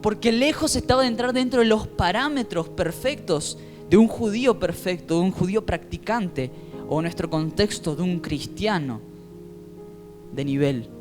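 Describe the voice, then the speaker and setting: A man with a Rioplatense Spanish accent, a pastor preaching a sermon in an animated storytelling way, acting out the voices he quotes. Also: sits high, normal speed, soft background music.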